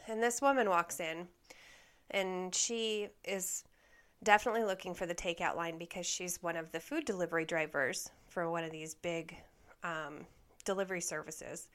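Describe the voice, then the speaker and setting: Smooth-voiced woman telling a candid story. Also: lowish voice, fairly bright tone. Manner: candid and self-deprecating, laughing at herself. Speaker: vlogger. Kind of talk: storytime monologue.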